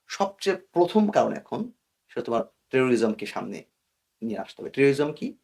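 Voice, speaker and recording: A man appears as an expert guest in an interview, explaining things earnestly and with a note of warning while slipping English words into his speech. His middle-pitched voice swings widely in pitch at a normal speed, with vocal fry and a slightly rough, faintly mellow quality.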